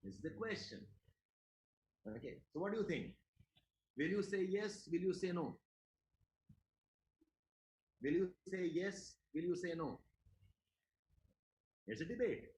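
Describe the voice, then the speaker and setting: Indian male teacher, a bit high-pitched, emphatic classroom lecture, echoey room. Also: lively intonation, unhurried, long pauses, a little mellow, a little hiss or hum. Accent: Indian English. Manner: repeats questions to the class, emphatic.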